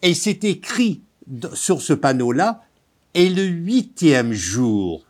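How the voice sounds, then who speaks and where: Slow, deliberate male professor from Texas. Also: on the high side, big pitch swings, darkish tone. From Texas, United States. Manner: deliberate, lecturing, with fillers and restarts. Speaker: professor, guest. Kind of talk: radio interview.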